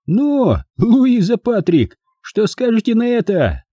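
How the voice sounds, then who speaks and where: A cocky young man with a gun sneers and drawls in a raised, mocking voice, as a narrator puts him on. His husky tone jumps across a wide range. The read is dry and close, like a studio audiobook. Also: sits high, big pitch swings, normal speed, dark tone, no room sound, voice pushed up, full character voice. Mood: demanding. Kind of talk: audiobook character voice.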